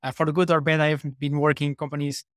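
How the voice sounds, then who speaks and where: A man's voice: on the high side, level tone, fast talker, dry recording, studio quality. A man in his thirties from Portugal, a startup co-founder, chatting as a podcast guest with many fillers and restarts. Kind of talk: casual interview talk.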